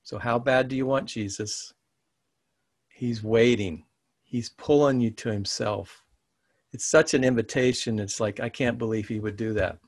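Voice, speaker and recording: A man's voice: medium pitch, fairly even intonation, no room sound. Earnest man preaching, dry close sound. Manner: earnest, conversational, slows for the blessing. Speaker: pastor. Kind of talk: sermon.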